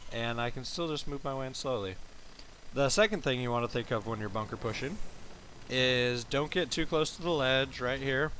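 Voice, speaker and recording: A man's voice: medium pitch, normal speed, fairly bright tone, a little hiss or hum. Male game caster, mid-range voice, sleepy and easygoing, casual cursing. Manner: laid-back, rambling, swears casually. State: tired. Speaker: game commentator. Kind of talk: casual gameplay commentary.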